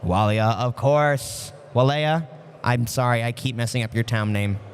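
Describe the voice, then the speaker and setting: A man giving lively live commentary at a model car race for a stream, chatty and reading out viewer comments. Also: mid-range voice, measured pace, slight background noise. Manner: chatty, energetic, reads out viewer chat.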